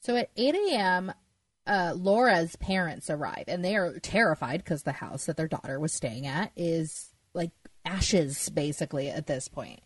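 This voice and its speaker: A woman's voice: on the low side, animated, moderate pace, breathy edge, no echo, far from the mic. A woman hosting a podcast, recapping a case in a chatty, storytelling way with casual fillers. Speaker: podcast host.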